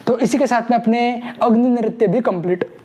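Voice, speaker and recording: At normal speed and with a warm, very high-pitched voice, a man drills memory tricks for an exam-prep class. He plays both sides of a call-and-response, asking and answering questions, and repeats each key word with a mnemonic story.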